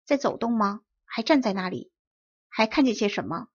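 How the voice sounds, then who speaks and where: A woman's voice: on the high side, expressive, moderate pace, husky, no room sound, muffled recording. A woman voicing a stern cavalry officer. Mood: commanding. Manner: urgent barked commands. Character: stern Italian cavalry officer, commanding, grieving.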